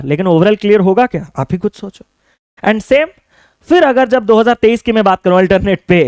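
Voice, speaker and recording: A young man with a high voice coaches exam students, urging them on earnestly and asking them to think things through. The sound is close and dry, with no room echo. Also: clear, resonant tone. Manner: earnest, urging, addresses students directly with rhetorical questions. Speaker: online exam coaching educator. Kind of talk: direct-to-camera coaching talk.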